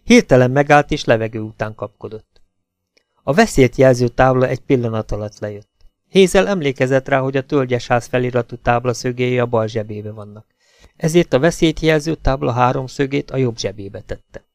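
A man reads a suspense novel aloud at a steady, measured pace. His voice has a gravelly fry at mid pitch. The recording is dry and close, with no room echo. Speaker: audiobook narrator. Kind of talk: scripted narration.

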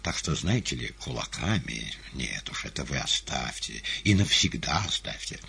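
A man voicing a nervous, gentle and fastidious male patient who pleads and slips into whispers. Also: extremely low pitch, big pitch swings, gravelly, full character voice. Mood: reproving. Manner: anxious, pleading, drops to a whisper.

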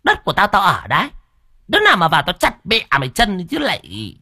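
A greedy, scheming village woman, put on by a male narrator, shrieks and brags in a very high, strained voice. Her talk is brash and full of gloating, and it sounds bright and a bit far from the mic. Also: slow pace, gravelly, full character voice.

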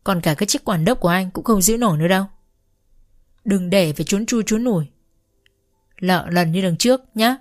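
A woman's voice: medium pitch, moderate pace, long pauses, close to an everyday voice. A cold, defiant young wife who has the money and knows it, voiced by a woman narrator. Her retorts are cutting and contemptuous. The character comes from an audio storybook. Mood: defiant tirade.

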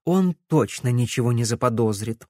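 A man voicing a cautious, dignified lady in an audiobook, measured and worried. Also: mid-range voice, animated, a little mellow, dry recording, studio quality, close to an everyday voice.

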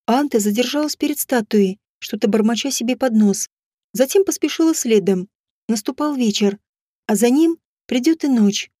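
A woman reading a first-person audiobook in a measured, steady storytelling manner. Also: on the high side, no echo, studio quality. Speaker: audiobook narrator.

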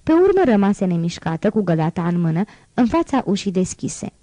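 A woman reading a classic novel aloud as an audiobook, in a calm, measured storytelling manner. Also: medium pitch, no echo. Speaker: audiobook reader.

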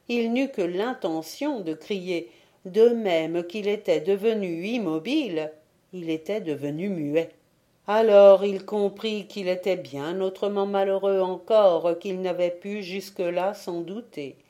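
A woman reading a classic tale aloud as an audiobook narrator, measured and expressive. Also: medium pitch. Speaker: audiobook reader. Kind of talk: storybook narration.

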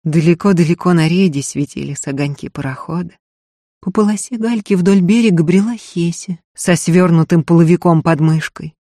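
A man's voice: a little high, dark tone, no room sound. Man narrating an audiobook, dry sound. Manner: measured storytelling.

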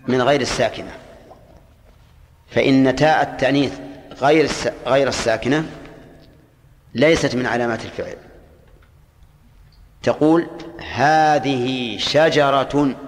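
An older man teaching a grammar lesson, explaining step by step, quizzing his students and repeating key points. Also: medium pitch. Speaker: Islamic scholar teaching Arabic grammar. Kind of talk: classroom lesson. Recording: old lecture tape in a reverberant hall, faint hiss.

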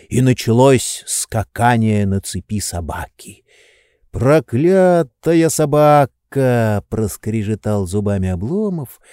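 A man reading a classic novel aloud as an audiobook, slow and theatrical, voicing the dialogue. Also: mid-range voice, darkish tone, no echo, clean studio sound. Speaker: audiobook narrator. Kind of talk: scripted narration of a classic novel.

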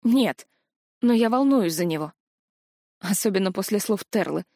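A woman's voice: mid-range voice, expressive, normal speed, warm tone, no echo, studio quality. Woman reading a stubborn young heroine. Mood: worried. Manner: plain, earnest, stubborn.

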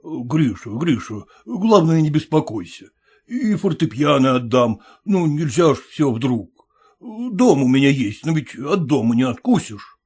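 A man's voice: a little high, very animated, unhurried, a little mellow, slightly rough, heavily acted. A man voicing an older merchant father-in-law who soothes and coaxes in an evasive way. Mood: placating. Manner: soothing, coaxing.

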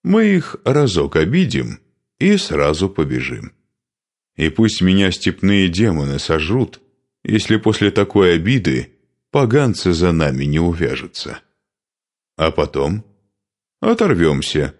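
A man's voice: sits low, very animated, measured pace, a little mellow, exaggerated voice. A man voicing a boastful young male steppe horseman who teases his comrades. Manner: cocky, teasing.

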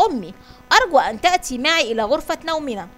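A woman reading the lines of a thoughtful, quiet twelve-year-old girl in a storybook, soft and polite. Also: sits high, very animated, rapid-fire. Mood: gentle.

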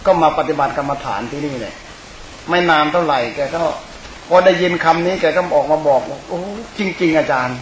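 A Buddhist monk and teacher gives an informal Dhamma sermon, rambling conversationally and addressing his listeners directly. His voice is fairly high and a little quick. The room is echoey, with clear background hiss.

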